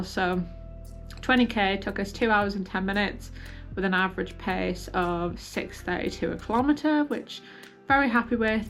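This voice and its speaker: A woman's voice: mid-range voice, fairly bright tone. A woman chatting informally and self-deprecatingly to camera as a running vlogger. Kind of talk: casual chat to camera.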